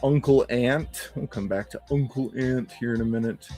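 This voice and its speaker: A man hosts a casual livestream while fighting a cold, talking in a chatty, sardonic way and swearing freely. His voice sits at an ordinary middle pitch. Faint music plays underneath him. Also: fairly quick, dark tone. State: has a cold. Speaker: livestream host. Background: faint background music.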